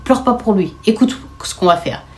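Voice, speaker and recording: A cold, scheming eldest sister, as a woman narrator puts her on, lays out her plans in a hushed, matter-of-fact tone. Her voice drops low and soft, and she sounds calm and in control. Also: moderate pace, natural voice.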